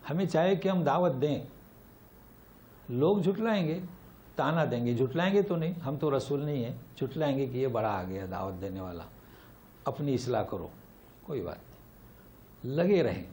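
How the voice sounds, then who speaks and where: A middle-aged man giving a Quran commentary lesson, animated, rising and dropping sharply for emphasis, reciting Arabic slowly. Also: mid-range voice. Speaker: Quran teacher. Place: lecture hall.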